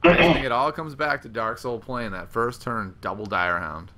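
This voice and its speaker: A man hosting an online card game show, commenting casually on matches and interviewing the winner, chatty and quick to laugh. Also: medium pitch, a crowd in the background. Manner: chatty, laughs often, animated outbursts. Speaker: host and commentator.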